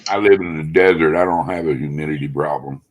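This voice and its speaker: Low-voiced man in his sixties. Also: fast talker. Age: 60s. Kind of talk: casual chat.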